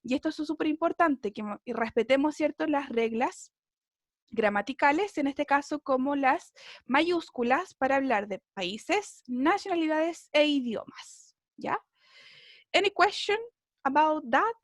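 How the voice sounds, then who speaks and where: A woman's voice: sits high, animated, a little slow, no room sound, clean studio sound. A woman with a Chilean Spanish accent, teaching an English class online in a chatty way and often checking in with her students.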